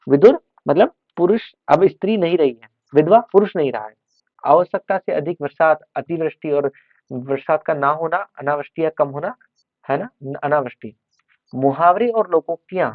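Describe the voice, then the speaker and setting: A man's voice: fairly high pitch, no echo. A male teacher giving an exam-prep lesson, explaining terms and repeating words to drill them. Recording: dry, tinny phone-like sound.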